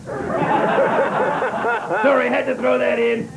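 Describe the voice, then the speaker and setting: A man's voice: extremely high pitch, flat delivery, slow pace, gravelly, reverberant, over a noisy crowd. A man trading wisecracks as a talk show sidekick, heard from a worn VHS tape copy. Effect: worn VHS tape copy, hissy and distant. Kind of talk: wisecracking banter. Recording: worn tape with loud hiss, distant mic.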